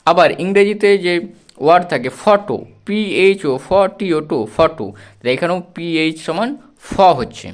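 Guy teaching spelling, slightly high voice, spells out every word letter by letter, slow and repetitive. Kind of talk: spelling lesson.

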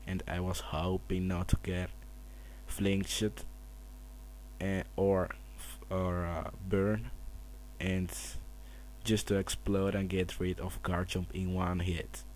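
It's late at night at home, others are sleeping, and a low-voiced man quietly narrates his own game battle at a slow pace. The casual commentary is hushed so no one wakes, captured by a noisy camera mic with a hum.

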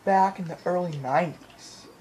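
This gaming video maker speaks in a high-pitched, darkish voice at a moderate pace, muttering reactions and apologies as he plays and comments casually. He's in a small home room recording the TV with a phone or handheld camera mic, so the game music comes through along with a bit of hiss or hum.

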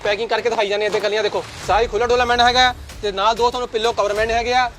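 A man's voice: high voice, level tone, very fast, fairly bright tone. Shop guy showing stock, eager patter, faint noise behind. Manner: eager sales patter with repeated stock phrases. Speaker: shopkeeper. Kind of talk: showing goods in a sales video.

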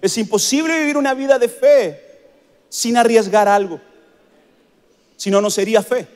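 A man's voice: very high voice, normal speed, darkish tone, big-room sound. A man preaching a sermon as a pastor, emphatic, repeating phrases for stress.

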